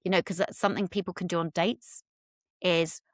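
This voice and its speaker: A woman's voice: lowish voice, fairly even intonation, fairly quick, no room sound, studio quality. A middle-aged woman from Britain, a relationship expert talking candidly as a podcast guest, swearing freely and acting out quotes in a raised voice. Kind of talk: candid conversational interview.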